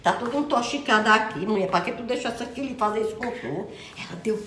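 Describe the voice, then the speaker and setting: Fast-scolding woman with a Northeastern Brazilian accent. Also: a little high, slight background noise. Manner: loud scolding, crude insults, rapid outbursts. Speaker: comic mother character. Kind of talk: improvised comedy sketch.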